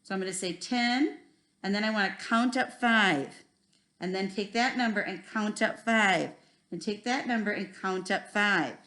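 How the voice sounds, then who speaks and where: A woman's voice: mid-range voice, moderate pace, fairly bright tone. A woman teaching a first grade lesson, talking simply and encouragingly to children like a kids show host. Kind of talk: instructional math video lesson for young children.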